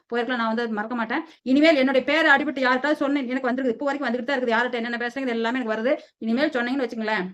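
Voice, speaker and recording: A middle-aged woman vlogger from southern India, scolding and defiant as she rants to the camera about family gossip. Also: on the high side. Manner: heated, defiant, scolding, repeats "சரியா?". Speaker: lifestyle vlogger. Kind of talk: angry personal rant to camera. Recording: dull lo-fi audio.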